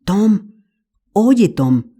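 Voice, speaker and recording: A woman's voice: medium pitch, sing-song, extremely slow, mellow, slightly rough, voice pushed up, heavily acted. A woman voicing an anxious young boy, urgent and pleading, in an audiobook.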